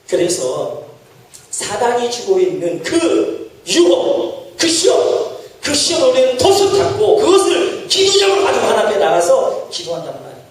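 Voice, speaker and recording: A male pastor delivering an impassioned sermon, his voice rising to shouts as he acts out prayers. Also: extremely high pitch. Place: church sanctuary. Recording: echoey church hall, mic at a distance.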